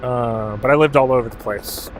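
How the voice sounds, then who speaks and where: Man, from Alaska, game streamer, mid-pitched voice, relaxed banter, barked commands, casual swearing. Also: normal speed, a little hiss or hum, rough recording. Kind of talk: casual live-stream chat while playing.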